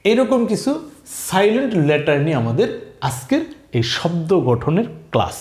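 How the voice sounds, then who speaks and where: A man with a Bangladeshi accent teaching English, slowly spelling words letter by letter and quizzing his viewers. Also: a little high, a little mellow. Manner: slow, repetitive teaching, spells words letter by letter and asks questions. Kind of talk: spoken language lesson. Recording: echoey room.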